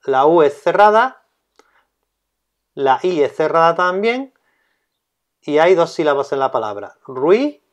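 Man teaching, slow and repetitive. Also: a little high, sing-song. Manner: slow, deliberate, repeats key terms. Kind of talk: grammar lesson explanation.

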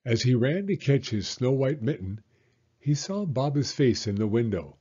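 A man reading a children's picture book aloud as a storyteller, in an expressive, deliberate manner. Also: mid-range voice, breathy edge, dull audio.

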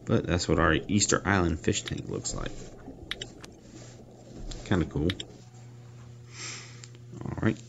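A man's voice: sits low, very animated, slow, creaky, long pauses, noisy background. A man giving casual, chatty commentary while playing and reviewing a mobile game, thinking aloud and poking fun at his own mistakes. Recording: faint game music behind.

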